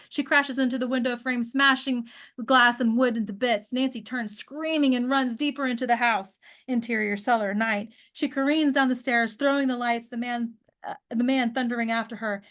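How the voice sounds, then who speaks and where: At a table read, a woman narrates the screenplay's stage directions, occasionally tripping over words and going back to reread them. Her voice is fairly high and a bit bright, with a steady tone and a moderate pace.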